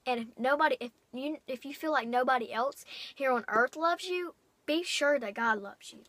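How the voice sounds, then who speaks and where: A young woman giving an unplanned devotional talk on her vlog, rambling and halting in an earnest way. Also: sits high, fairly bright tone. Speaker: vlogger.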